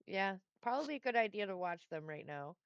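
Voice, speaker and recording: A woman's voice: medium pitch, very animated, a little fast, clean tone, no room sound, muffled recording. A woman running a tabletop game as game master, easygoing and laughing along with her players.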